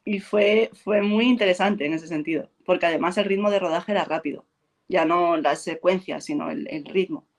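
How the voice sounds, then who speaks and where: A woman's voice: fairly low pitch, moderate pace. A woman, an actress from Spain, chats easily in an interview. She tells her stories with lots of life, acting out quoted lines and often breaking into laughter. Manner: animated storyteller, acts out quotes and laughs a lot. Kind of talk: casual interview chat.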